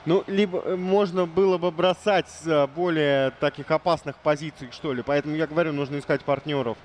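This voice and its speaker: A man's voice: a little high, fairly even intonation, a little fast. A man co-commentating on an esports hockey match, adding analysis and running tactical tips in short phrases. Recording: crowd noise behind. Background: crowd noise.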